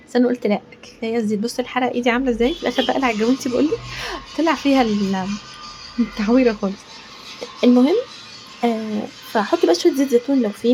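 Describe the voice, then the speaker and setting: A woman's voice: on the high side, warm tone, slight background noise. A woman with an Egyptian accent, cooking in her home kitchen and chatting in a rambling way with frequent pious asides. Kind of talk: casual chat while cooking.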